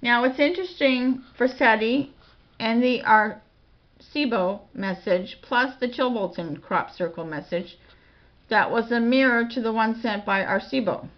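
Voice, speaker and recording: A woman blogger talking quietly in a casual home vlog, reading out lists of titles and dates from her home office. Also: on the high side, measured pace. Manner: soft-spoken, quiet delivery. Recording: dull lo-fi home recording.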